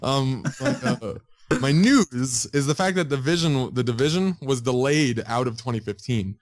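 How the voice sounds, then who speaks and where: A man's voice: mid-range voice, no echo. A young man co-hosts a casual gaming podcast and speaks into a headset. He jokes around and tumbles over his own restarts. His voice sounds dry and close. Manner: joking, talks in rushed restarts. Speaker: podcast co-host. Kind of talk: casual chat.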